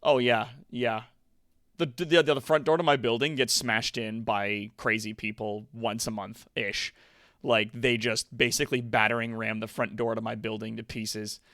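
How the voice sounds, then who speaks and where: A man with a lowish voice hosts a casual livestream chat from home, swearing often and adding animated asides at a moderate pace. The sound is studio quality, with no echo.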